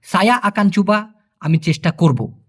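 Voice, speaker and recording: A man teaching a spoken language lesson, repeating each phrase slowly and then translating it word by word. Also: high-pitched, slightly rough. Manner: lively, sing-song delivery.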